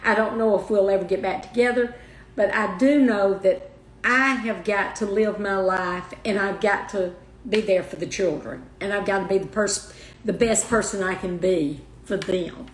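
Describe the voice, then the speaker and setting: An older woman speaking as a guest in a heartfelt interview, soft and halting, often restarting her sentences. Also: mid-range voice, fairly even intonation. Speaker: guest, mother of the host. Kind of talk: emotional personal interview. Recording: roomy echo.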